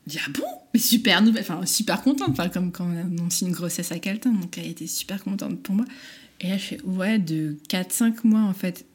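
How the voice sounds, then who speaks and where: Husky woman telling her story animatedly. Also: fairly low pitch, brisk. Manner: animated, acts out the voices in her story, laughs often. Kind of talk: candid personal storytelling.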